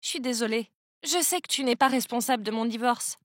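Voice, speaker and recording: A woman's voice: on the high side, fairly quick, no room sound, studio quality, lightly acted. A woman voicing a spiteful young woman who turns remorseful, with an emphatic, pleading manner in a narrated story. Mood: apologetic.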